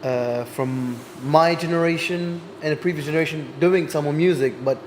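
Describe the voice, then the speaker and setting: Young male artist guest, twenties, hesitant and reflective, slightly high voice. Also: moderate pace, a little hiss or hum. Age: 20s. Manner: thoughtful, hesitant with many ums. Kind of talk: casual interview chat.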